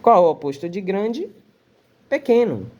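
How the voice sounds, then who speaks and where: Slow, patient woman teaching Arabic. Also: mid-range voice, big pitch swings, darkish tone, highs cut off. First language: Portuguese. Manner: patient, repeats words slowly, checks in with "tá?". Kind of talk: relaxed online language lesson.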